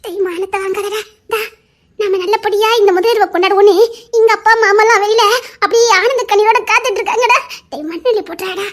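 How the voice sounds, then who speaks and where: Woman doing a bossy teasing young bride, super high squeaky voice, comedy skit. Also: fairly even intonation, quick pace. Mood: scolding. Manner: mocking, commanding. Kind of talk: comedy web-series acting.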